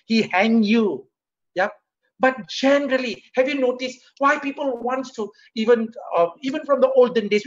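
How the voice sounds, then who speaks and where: Speaking at an extremely high pitch, a middle-aged company head with a Singaporean English accent delivers a motivational leadership talk by webcam from a home or office room. He's conversational, asks rhetorical questions, and gets animated when pressing a point, and the laptop or webcam mic makes the call audio muffled.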